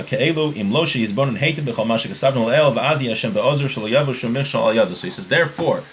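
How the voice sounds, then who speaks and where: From a webcam at his desk in a small home room, a Torah teacher in his thirties reads Hebrew passages aloud and explains each in casual English. His voice is mid-range with a fairly bright tone.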